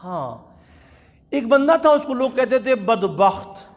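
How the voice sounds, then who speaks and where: High-voiced man preaching in a reverberant mosque. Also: lively intonation. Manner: impassioned storytelling, chanting quotations slowly. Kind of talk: sermon at a religious conference. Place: large mosque. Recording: long hall reverb.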